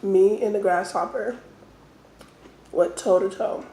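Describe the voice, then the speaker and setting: A woman telling stories casually as an eating-show host, talking in short phrases with pauses. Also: mid-range voice, fairly even intonation, mellow. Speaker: mukbang host. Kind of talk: casual storytelling while eating. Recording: roomy, echoey indoor sound.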